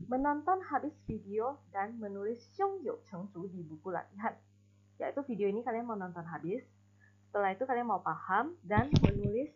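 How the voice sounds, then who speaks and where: A woman teaching a recorded Mandarin class, explaining slowly and modeling examples aloud. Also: medium pitch, a little hiss or hum. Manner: slow, deliberate explanations with spoken examples. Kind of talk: recorded online class lesson. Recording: dull lo-fi recording.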